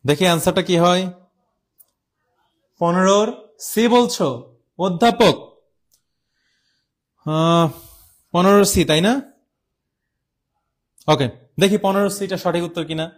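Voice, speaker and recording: A man's voice: high voice, measured pace, pauses often. A young man from Bangladesh teaching an online exam-prep class, explaining step by step and quizzing his students as he goes. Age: young adult. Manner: repeats and drawls words to show how they are said.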